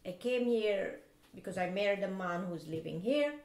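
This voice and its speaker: A woman speaking earnestly in an interview, often pausing to search for words. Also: mid-range voice, a little mellow, reverberant.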